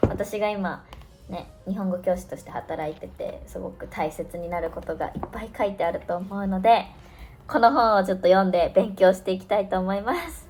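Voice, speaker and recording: A woman's voice: medium pitch, fairly even intonation, a little fast, darkish tone, soft background music. A woman in her twenties, an online language teacher, chatting casually through her day in a vlog, thinking aloud and stretching out her words. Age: 20s.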